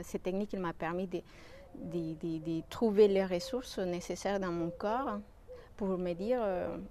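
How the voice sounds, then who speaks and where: A woman from Mexico speaking French with a Mexican Spanish accent, a shiatsu practitioner answering interview questions with many pauses and restarts. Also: fairly low pitch, noisy background. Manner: hesitant, many fillers and restarts.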